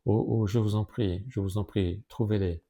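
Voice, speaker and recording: A man's voice: deep voice, fairly even intonation, moderate pace, dark tone, husky. A man voicing a distressed young woman who pleads hesitantly and trembles with anguish. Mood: pleading. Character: distressed young woman, an anxious rich cousin.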